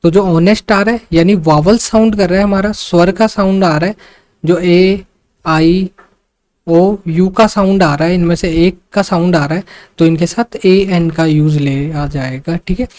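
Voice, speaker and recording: A man tutoring English grammar for exam students, explaining slowly and repeating his points with frequent fillers and English terms mixed in. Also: sits high, fairly even intonation, darkish tone. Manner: mixes English terms into speech. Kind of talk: online exam-prep lesson.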